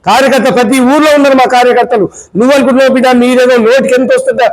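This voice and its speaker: A man's voice: very high voice, steady tone, racing, low-quality recording. A man speaking, giving an angry, threatening speech at a press meet as a local party worker.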